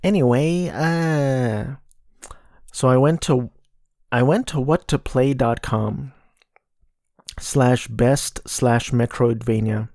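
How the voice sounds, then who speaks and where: A man talks casually on a solo podcast in a mid-pitched, dry, close voice. His delivery is flat and subdued, with noticeable vocal fry. He often hesitates and repeats words as he searches for what to say. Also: slow, no room sound. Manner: monotone, low-energy delivery. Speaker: podcast host. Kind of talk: casual solo podcast talk about video games.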